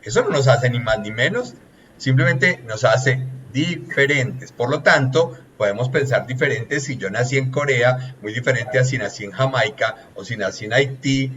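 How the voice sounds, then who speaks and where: A man's voice: medium pitch, moderate pace, dull audio, crowd noise. A man, a relationships consultant giving an earnest, teacherly coaching talk that lists points one by one.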